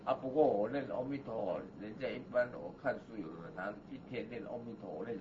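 A man with a fairly low voice asks the teacher a question from the audience, speaking haltingly and hesitantly. The recording is dull and lo-fi, with clear background noise under his voice. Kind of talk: asking a question in class.

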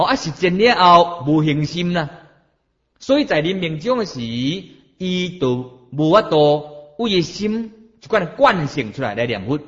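A man's voice: fairly high pitch, a bit bright. A middle-aged man preaching a Buddhist sermon, drawing out his phrases with emphasis and posing rhetorical questions to the listeners. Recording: dull lo-fi recording.

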